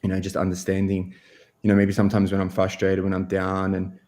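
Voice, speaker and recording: A young man, answering interview questions in a halting way, full of fillers and restarts. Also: low-pitched, monotone, a little mellow. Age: 20s. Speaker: guest goalkeeper.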